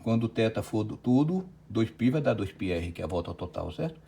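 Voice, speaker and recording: Brazilian guy teaching physics online, walks through the math step by step, warm low-key voice. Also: lively intonation, fairly quick, vocal fry. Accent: Brazilian Portuguese. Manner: step-by-step, thinking aloud, checking with "né?" and "certo?". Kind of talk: online lecture working problems on a board.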